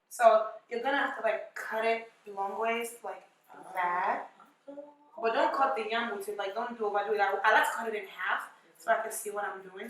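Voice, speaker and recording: A young woman from Nigeria runs a casual cooking tutorial in her home kitchen, teasing and cursing for laughs. Her voice is a bit hoarse and comes out bright, with heavy echo off the kitchen walls. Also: a little high, a little hiss or hum. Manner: playful, brash, swears jokingly. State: voice partly gone. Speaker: cooking vlogger. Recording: very echoey kitchen.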